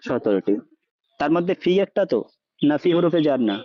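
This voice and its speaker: Slightly high-voiced and a little fast, this male language teacher has lively intonation as he asks questions and keeps confirming students are with him. English words pepper his speech, and the dull lo-fi recording has no echo.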